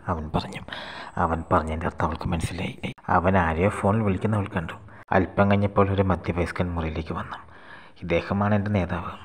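A man reading out a scripted short story, quick and half-whispered. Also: sits low, breathy edge.

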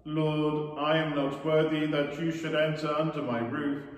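A man leading liturgical prayers as a priest in a large church, reciting in a measured, solemn way, his voice carried by a cathedral echo. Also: flat delivery. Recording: booming echo and long church reverb.

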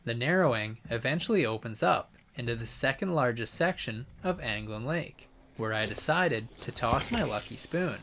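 Calm man narrating a nature tour. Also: medium pitch, normal speed, hardly any pauses, a little hiss or hum. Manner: calm, informative. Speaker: video host and narrator. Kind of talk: scripted narration.

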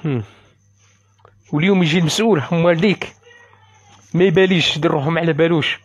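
A man's voice: fairly high pitch, fast, husky, lo-fi sound. A man in his fifties with an Algerian Arabic accent, a former soldier making an emotional, indignant appeal on a livestream and repeating phrases as he pleads. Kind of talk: impassioned live-stream appeal.

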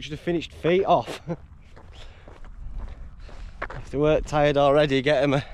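Holding a camera at arm's length on a country road and moorland, a hiking vlogger chats casually during a long hike and recaps the map. He sounds tired and rambling, laughs often, and speaks with a fairly high pitch amid slight background noise.

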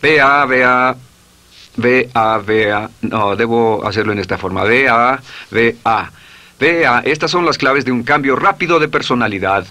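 A man's voice: medium pitch, pushed and bright. A man narrating a recorded self-help lesson in an instructive way, repeating affirmations aloud. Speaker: course narrator.

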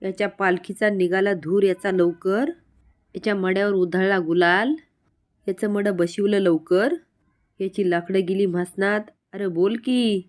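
A woman voicing an old village grandmother who shouts suspicious questions and curses in a loud, shrill, scolding way. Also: steady tone, measured pace, lightly acted.

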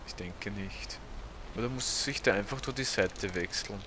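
A man's voice: lowish voice, normal speed, background noise. Thirty-year-old man commentating gameplay. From Austria. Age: 30s. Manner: casual, hesitant with frequent fillers. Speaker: let's play host.

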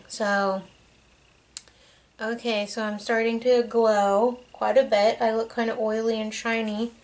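Young woman rambling thru a makeup vlog, kinda high voice, slow and chatty. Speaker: beauty vlogger. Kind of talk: casual makeup vlog chat.

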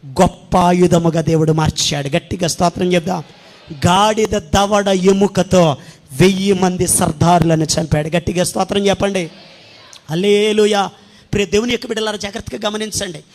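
Very high-voiced man preaching a sermon. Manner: acts out Bible figures' pleas, calls for praise. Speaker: pastor.

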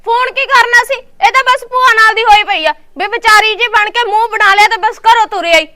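A woman playing a blunt, bossy young daughter-in-law who talks quickly. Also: extremely high pitch, noisy background. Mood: indignant. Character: sharp-tongued young wife, quick and bossy. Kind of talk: village family drama acting.

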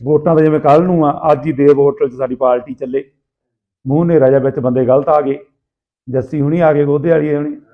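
Malwai punjabi guy swapping rowdy stories, earthy banter, highish voice, sounds like a phone line. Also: fairly quick. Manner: rough, earthy, animated banter, acting out people's dialogue. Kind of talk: casual anecdotal storytelling. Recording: tinny, phone-like narrow sound.

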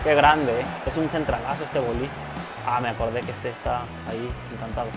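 A young man with a Mexican accent commenting casually on his own football video game match, excitable, swearing and yelling when goals go in. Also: medium pitch, brisk. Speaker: gaming youtuber. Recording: loud music behind the voice.

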